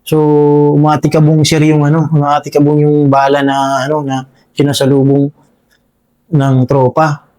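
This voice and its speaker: A man, a soldier, recounting a combat encounter in an interview, talking haltingly with many fillers and addressing the listener as sir over and over. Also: a little high, completely flat delivery, a little mellow. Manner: halting, full of fillers, says "sir" constantly. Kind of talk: spoken war story in an interview.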